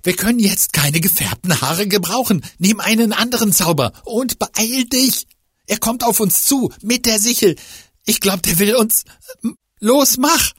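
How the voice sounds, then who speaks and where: Guy putting on a breathy little boy voice, pitched way up, all eager shouting, storybook. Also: normal speed, no echo, clean studio sound, heavily acted. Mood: urgent. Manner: urgent, excited calls. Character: eager plucky boy on an adventure.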